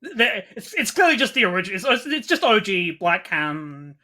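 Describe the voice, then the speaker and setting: A woman podcast co-host chatting casually and jokily, often stumbling and restarting her sentences. Her voice is bright and edged, and it keeps a loose, offhand rhythm. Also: mid-range voice, very animated. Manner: halting, restarts often, quick asides. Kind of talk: casual comedic chat.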